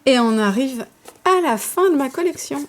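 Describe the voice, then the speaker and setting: A woman's voice: high voice, expressive, normal speed. A woman, casually showing her card collection, chatty and hesitant with fillers and self-corrections. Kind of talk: casual show-and-tell.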